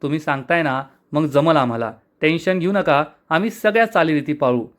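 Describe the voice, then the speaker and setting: A nervous young husband hurrying to agree with the family elder, as a man reads him. His words come quick and conciliatory. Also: on the high side, natural voice. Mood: placating. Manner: hurried, placating.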